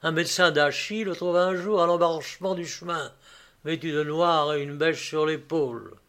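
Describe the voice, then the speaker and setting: A man reading a literary story aloud in a measured, even storytelling manner. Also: a little high. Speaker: narrator.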